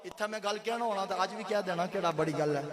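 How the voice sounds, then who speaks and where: A man with a Punjabi accent preaching a sermon, moving from soft storytelling to loud sung cries. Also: high-pitched. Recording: echoey hall with crowd behind.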